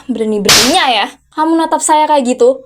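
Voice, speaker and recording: A woman acting out a wealthy, unmarried aunt who runs her own company, heard in an ASMR role-play. She scolds in a high voice, firing sarcastic questions and sharp challenges at the teenager she looks after. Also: quick pace, close to an everyday voice. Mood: scolding. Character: furious rich unmarried aunt, CEO, scolding teen. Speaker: VTuber role-play creator.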